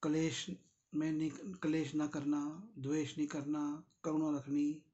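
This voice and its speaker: A man's voice: on the high side, monotone, unhurried, dark tone, highs cut off. A tired man, reading a Buddhist book and explaining it in a conversational way, speaking directly to his listeners. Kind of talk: casual spoken commentary on a read text.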